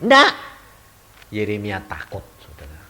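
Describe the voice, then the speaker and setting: A man's voice: lowish voice, huge pitch swings, unhurried, pushed and bright, slight background noise. A middle-aged man preaching a sermon, questioning his congregation and acting out voices. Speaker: evangelist preacher.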